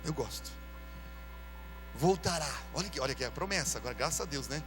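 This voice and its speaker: A man preaching a sermon as pastor, in a casual, slangy way, calling out to his church and shouting when he acts out people. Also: fairly high pitch, expressive, fast talker, soft background music, low-quality recording. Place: church service with music behind.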